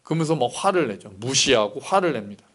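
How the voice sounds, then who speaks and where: A man's voice: medium pitch, very animated, quick pace. A male pastor giving a sermon in a conversational, explanatory way, often asking rhetorical questions.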